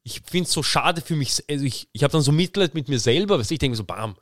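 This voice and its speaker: A man's voice: fairly high pitch, quick pace, no echo, studio quality. A young man chatting casually on a podcast, telling stories in slangy speech and acting out what friends said. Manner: animated storytelling, slangy, acts out quoted friends. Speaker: podcast co-host. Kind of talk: casual chat.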